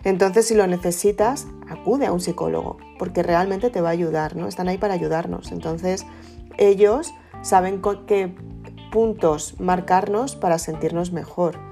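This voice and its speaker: A woman speaks in a warm, low, mellow voice, offering gentle advice about letting emotions out. She talks conversationally, often tagging "¿no?" onto her points. Soft guitar music plays faintly behind her. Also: normal speed, creaky. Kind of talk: casual motivational talk to camera.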